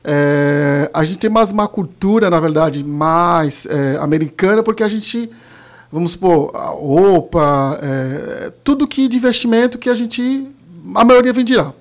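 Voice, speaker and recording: A Haitian man in his thirties, with a Haitian accent and a voice that sits high, appears as a podcast guest. It's a casual, relaxed interview conversation, and he often pauses and restarts while searching for words.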